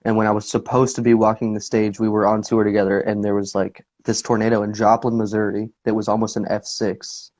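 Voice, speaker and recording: A man's voice: on the low side, flat delivery, a little fast, hardly any pauses, a little mellow. A man in his twenties, a guest musician telling stories in a rambling, laid-back way full of fillers. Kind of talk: casual interview chat.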